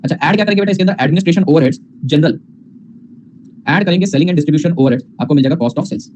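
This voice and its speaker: A man's voice: a little high, a little fast, a little mellow, a little hiss or hum, poor audio. A man teaching accounting in a class lecture, mixing in English terms, calling students "beta" and asking questions he answers himself.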